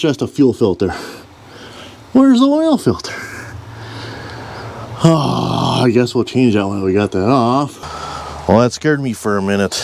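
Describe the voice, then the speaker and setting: A man's voice: mid-range voice, darkish tone. A man narrating casually while wrestling with a boat engine, grumbling wryly to himself and strained from the cramped spot. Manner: grumbling, wry, talks to himself while working. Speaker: DIY mechanic vlogger. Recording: noisy workshop recording.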